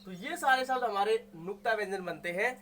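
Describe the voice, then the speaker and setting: A man's voice: sits high, brisk, fairly bright tone, slight background noise. A man teaching Hindi grammar, sounding out each word and repeating it patiently, asking and answering his own questions. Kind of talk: explaining Hindi grammar to students.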